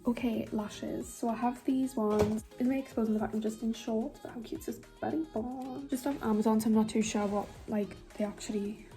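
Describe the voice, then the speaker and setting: A woman's voice: fairly high pitch, fairly even intonation, a little fast, hardly any pauses, warm tone, faint music behind. A young woman with a Geordie accent chatting in a rambling, self-mocking way while doing her makeup for a vlog. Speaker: beauty vlogger.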